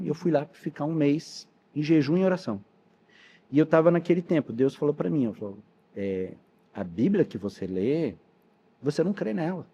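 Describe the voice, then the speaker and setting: A man tells his testimony as a pastor on a podcast. He speaks earnestly and acts out the dialogue of his story. His voice is mellow and a little husky, and the recording sounds dull and lo-fi. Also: medium pitch. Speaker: pastor and missionary.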